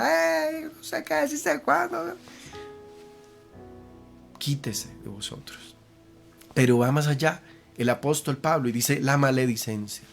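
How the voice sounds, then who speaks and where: Man preaching over soft guitar. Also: mid-range voice. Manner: earnest preaching with rhetorical questions and repetition. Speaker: pastor. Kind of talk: sermon.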